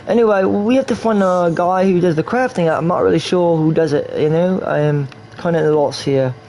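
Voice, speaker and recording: In a rough recording with slight background noise, a New York man talks quickly in a high, darkish voice. He's giving loose, rambling game stream commentary, repeating things and slipping into and out of a put-on English accent.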